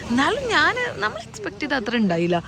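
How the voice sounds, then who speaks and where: A woman's voice: high voice, huge pitch swings, fast, creaky, crowd noise. A Malayali woman vlogging casually outdoors, mixing English words into her Malayalam. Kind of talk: casual vlog narration. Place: outdoors at a beach campsite. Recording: noisy outdoor ambience.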